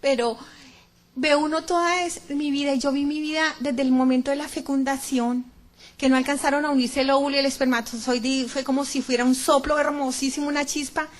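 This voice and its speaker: A woman's voice: sits high, fairly even intonation, a little fast. A middle-aged woman giving a fervent, emphatic religious testimony to a church audience, often repeating words.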